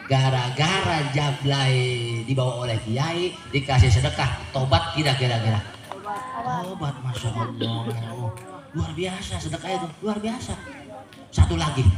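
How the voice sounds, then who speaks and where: Preacher guy cracking jokes, pitched a little up, crowd loud behind him. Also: heavy background noise. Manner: joking, quizzes the audience. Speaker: Islamic preacher. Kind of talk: humorous sermon. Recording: echoey hall with loud crowd.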